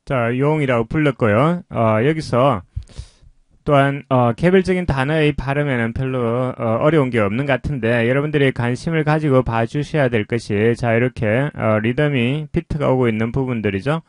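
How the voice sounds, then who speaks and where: A man teaching English pronunciation, explaining slowly and patiently in a lesson voice-over. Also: medium pitch, no echo, studio quality.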